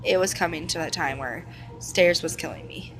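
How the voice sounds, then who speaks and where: A woman's voice: sits low, moderate pace, over music, rough recording. Candid young woman talking to camera. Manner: candid, rambling, many fillers and restarts. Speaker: vlogger sharing her illness. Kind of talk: casual personal talk to camera.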